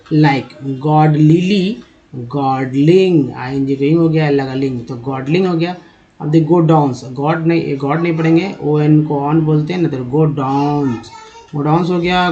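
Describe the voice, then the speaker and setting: Male teacher, fairly high voice, very slow deliberate delivery, spells out word parts before reading them. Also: darkish tone, lo-fi sound. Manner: sounds out spelling chunks, repeats words slowly.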